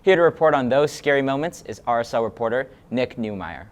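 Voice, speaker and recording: A man's voice: mid-range voice, lively intonation, fairly quick. A young man hosting a student sports news show, reading his script in an upbeat, playful anchor manner.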